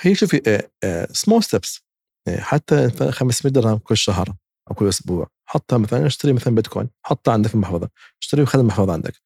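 A man's voice: fairly low pitch, big pitch swings, rapid-fire, gravelly, a little mellow, husky, no echo, studio quality. A man, a guest giving emphatic investment advice in a casual interview and acting out what other people say.

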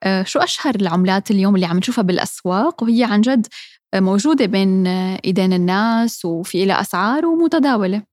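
A woman hosts an interview, putting conversational, probing questions at a brisk pace. The sound is dry and close. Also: medium pitch, animated, a little mellow, dry recording. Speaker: host.

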